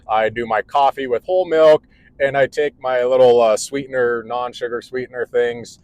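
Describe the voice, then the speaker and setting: A man's voice: mid-range voice, steady tone, normal speed, darkish tone, dry recording, rough recording. A man in his forties, an electrical contractor talking casually to camera at home, earnest and rambling with many restarts. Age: 40s. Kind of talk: casual vlog monologue. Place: indoors at home.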